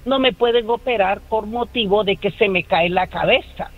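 A woman's voice: mid-range voice, normal speed. Older Colombian coastal woman on a tinny phone line. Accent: Colombian Caribbean coast. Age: 60s. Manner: rambling, hesitant, repeats words. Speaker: caller. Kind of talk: phone-in call.

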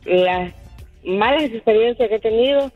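A woman who owns a cleaning company calling a radio show, speaking in a measured, deliberate way. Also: fairly high pitch, no room sound, phone-quality sound, soft background music. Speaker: caller, cleaning company owner. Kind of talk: phoned-in radio call.

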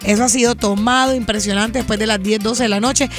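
A woman's voice: fairly high pitch, a little fast. Woman, radio host, conversational, faint music behind. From Colombia. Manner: lively, conversational, gossipy asides. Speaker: radio morning show host. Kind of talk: chatty radio banter.

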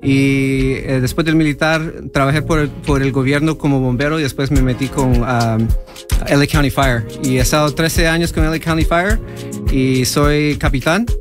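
A man from Los Angeles, a fire captain, answering questions as a guest on a radio show, with halting speech full of fillers. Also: mid-range voice, fairly even intonation. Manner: halting, many fillers, explains step by step. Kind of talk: radio interview. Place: radio studio. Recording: music clearly heard behind.

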